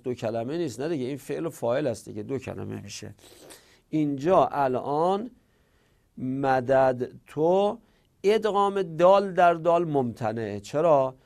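A man teaching a grammar lesson, patiently explaining rules and repeating examples slowly. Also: mid-range voice, a little mellow. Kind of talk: classroom lecture.

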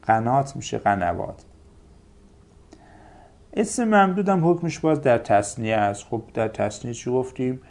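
A man's voice: mid-range voice, lively intonation, pauses often, darkish tone. A man teaching a grammar lesson, listing example words in careful paired recitation. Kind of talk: Arabic grammar lecture.

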